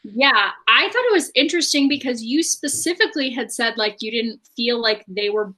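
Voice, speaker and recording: A woman's voice: fairly high pitch, expressive, normal speed, pushed and bright. A woman co-hosting a book podcast, recapping chapters in a chatty way with frequent fillers. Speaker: podcast co-host. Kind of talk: casual book discussion.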